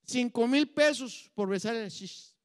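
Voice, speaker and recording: A man's voice: very high voice, normal speed, pitched above the performer's own voice. A man voicing a shameless, pushy drunk man with a brash, slurred delivery.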